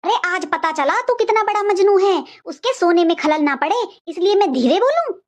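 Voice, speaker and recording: A woman's voice: very high voice, animated, moderate pace, highs cut off. A woman playing a talkative middle-aged mother-in-law who scolds sharply but cares about her family. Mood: scolding.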